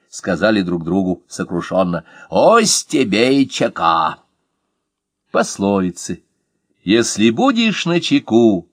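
A man reading humorous short stories aloud in an expressive, ironic way. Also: medium pitch, dry recording. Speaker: reader.

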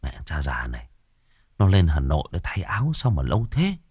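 A man's voice: a bass voice, huge pitch swings, fairly quick, darkish tone, breathy edge, no room sound, studio quality, pitched below the performer's own voice, heavily acted. A man voicing an impatient young village man who scolds in exasperation. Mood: exasperated scolding.

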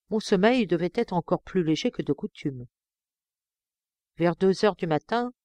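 A woman reads an audiobook in the first person, measured and expressive, at an even middle pitch. The voice sits close to the mic in a dry, dead room. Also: no room sound. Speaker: audiobook reader. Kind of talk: audiobook narration.

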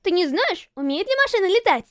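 A woman's voice: very high voice, very animated, a little fast, pitched above the performer's own voice. A woman voicing a reckless, gleeful young woman driver who barks orders, in a storybook reading. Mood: bossy. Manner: bossy and brash, barking orders.

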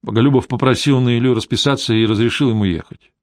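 A man narrating a detective novel in an even, measured storytelling manner. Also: medium pitch, dry recording, studio quality. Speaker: audiobook narrator. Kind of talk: scripted narration.

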